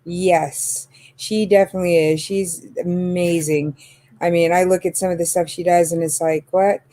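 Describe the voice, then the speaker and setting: A woman in her fifties hosts her channel's casual makeup chat, full of fillers and laughter. Her voice is fairly low and dark, with a steady tone at a normal speed.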